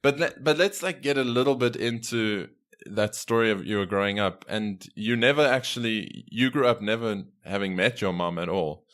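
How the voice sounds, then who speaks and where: A man in his twenties hosting a casual podcast interview, relaxed and hesitant with many ums. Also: lowish voice, moderate pace. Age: 20s. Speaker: podcast host.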